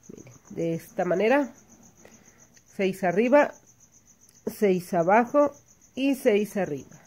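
A woman gives a calm, step-by-step hand embroidery lesson. She counts each stitch aloud and pauses to check that her listeners are following. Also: medium pitch. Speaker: embroidery teacher. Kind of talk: step-by-step craft tutorial.

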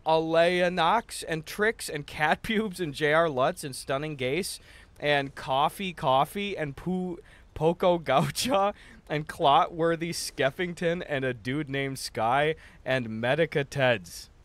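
Unhurried yet animated, a young adult man with a somewhat high, slightly bright voice chats on his gaming livestream from an indoor streaming setup. He reads out viewer messages, throws around slang, jokes and profanity, and keeps saying "dude" and "bro", all in a slightly worn-down tone.

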